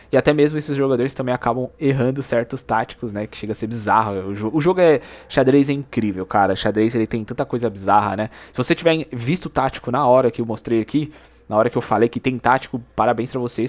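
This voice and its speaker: A man walks through a chess game move by move. He talks in a casual, slangy way and gets animated over mistakes and tactics. His pitch sits at a middle level for a man. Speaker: chess YouTuber. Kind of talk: game analysis commentary.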